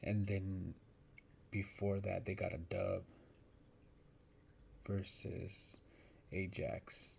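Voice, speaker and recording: A man's voice: low voice, extremely slow, vocal fry, pauses often, a little mellow, slight background noise. A man giving casual soccer betting predictions, thinking aloud and hesitant, often restarting his sentences. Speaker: sports betting vlogger.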